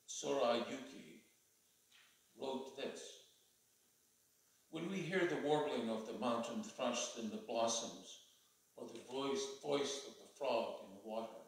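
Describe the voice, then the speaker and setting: An older man leading a church service, speaking haltingly with many fillers and restarts at a lectern mic. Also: medium pitch. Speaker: worship leader. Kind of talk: church service announcements and liturgy. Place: church sanctuary, indoors. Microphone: stand mic at lectern, far camera. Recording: echoey church from far off.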